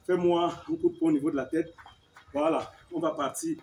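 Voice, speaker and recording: A man's voice: on the high side, fairly even intonation, normal speed, a little mellow. A man teaching combat techniques. He demonstrates with a partner, counts the moves aloud and keeps checking in with "hein?". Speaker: martial arts instructor. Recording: echoey room with faint noise.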